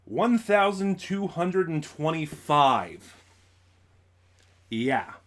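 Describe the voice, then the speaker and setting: With a slightly high, sing-song voice, this vlogger moves very slowly through a casual unboxing of audio dramas he bought. He explains things in a rambling way and keeps correcting himself.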